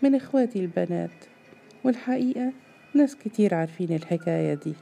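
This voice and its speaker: A woman reading the part of a calm, earnest young man who speaks gently and apologetically, in a story read aloud. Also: lowish voice, quick pace, gravelly, soft background music.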